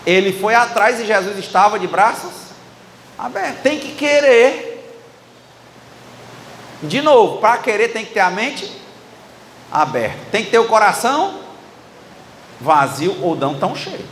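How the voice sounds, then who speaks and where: A man's voice: sits high, big pitch swings, measured pace, long pauses, fairly bright tone, slight background noise. A man in his thirties with a Ceará accent, preaching in a chatty way and acting out little dialogues with the congregation. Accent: Ceará, Brazil. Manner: conversational, acting out dialogue with the audience. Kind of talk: sermon. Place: church hall with live audience. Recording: echoey hall with faint ambience.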